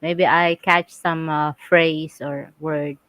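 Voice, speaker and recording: A Filipina woman co-hosting a casual live stream with her husband, speaking unhurried English with loose grammar. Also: sits low, level tone, a bit bright, dry recording, low-quality recording. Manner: slow and halting, with nonstandard English grammar and frequent laughs.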